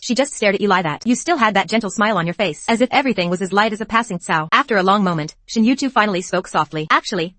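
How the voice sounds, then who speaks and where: A woman reading the narration of a dubbed motion comic in a brisk, even storybook manner. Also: mid-range voice, no echo. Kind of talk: scripted narration.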